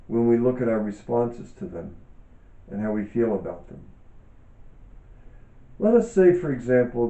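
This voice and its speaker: A male author and yoga teacher reads reflective self-help teaching from his own book, slow and measured, with frequent pauses between short phrases. His mid-range voice is very soft-edged and dark. The recording sounds dull and carries noticeable room echo.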